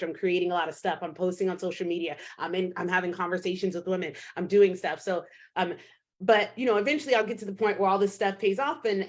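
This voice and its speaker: A woman in her thirties hosting her own podcast as a fitness coach, talking casually and bluntly, with swearing and quick impressions of her clients. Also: medium pitch. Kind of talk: casual solo podcast monologue.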